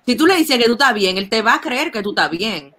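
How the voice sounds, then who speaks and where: A woman's voice: fairly high pitch, big pitch swings, fast talker, pushed and bright. Emphatic Dominican woman, slangy chat. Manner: emphatic, repeats words, slangy. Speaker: podcast co-host. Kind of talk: casual chat.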